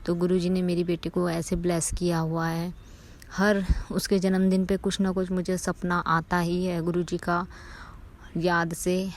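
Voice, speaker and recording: Earnest woman with a flat, level voice. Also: on the low side, moderate pace. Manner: earnest storytelling, often addressing listeners as "sangat ji". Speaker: devotee sharing a personal testimony. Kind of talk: devotional testimony told to a congregation.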